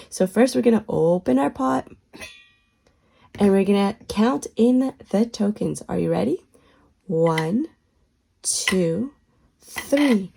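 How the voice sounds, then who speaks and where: A woman's voice: a little high, vocal fry, mellow, breathy edge. A woman speaking as a kids show host in a children's counting lesson, encouraging her young audience with wide-eyed wonder and exclamations.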